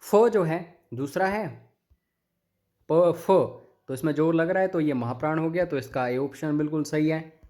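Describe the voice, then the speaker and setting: A man's voice: a little high, brisk, a little mellow. A young man teaching an exam-prep grammar lesson, explaining each answer step by step and addressing viewers as friends.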